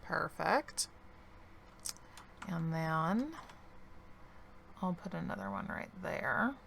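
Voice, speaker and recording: Woman, gaming commentator, slow and unhurried, fry in the voice, slightly hoarse. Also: deep voice, wildly swooping pitch, a bit bright, a little hiss or hum. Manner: slow, thinking aloud while playing. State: losing her voice, clearing her throat. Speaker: gaming video creator. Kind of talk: relaxed let's-play commentary.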